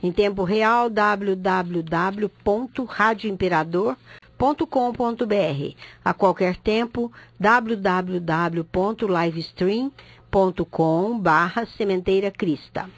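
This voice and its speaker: A woman hosting a radio program, reading the closing announcements in a measured way. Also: medium pitch, dry recording.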